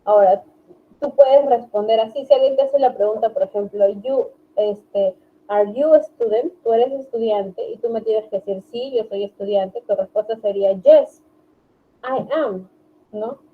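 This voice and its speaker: A woman teaching an online English class, patiently explaining and often checking understanding, reading English examples slowly. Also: a little high. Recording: tinny phone-like online class audio.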